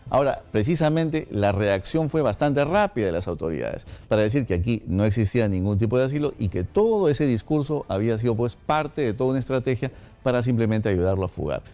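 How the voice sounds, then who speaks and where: A man, a studio guest explaining legal points in measured answers with frequent hesitations. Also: medium pitch, animated, dark tone. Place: radio studio.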